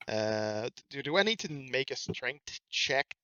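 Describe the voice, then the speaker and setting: A man's voice: mid-range voice, animated, slow pace, sharp tone, smooth, no room sound, dull audio. A man playing a tabletop game who laughs a lot and asks hesitant questions. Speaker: player. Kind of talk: casual tabletop play.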